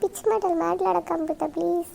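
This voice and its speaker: A woman voicing a caring elder sister in a cartoon, speaking with a Telangana accent and soothing others with gentle scolding. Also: very high voice, steady tone, quick pace, creaky, slight background noise, exaggerated voice. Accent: Telangana Telugu.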